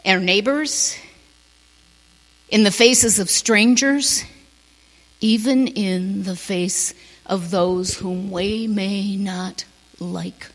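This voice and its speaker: A woman preacher telling a story in a gentle sermon, sometimes dropping to a near whisper, in a long church reverb. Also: medium pitch, steady tone. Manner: slow, gentle, drops to a near whisper on key lines.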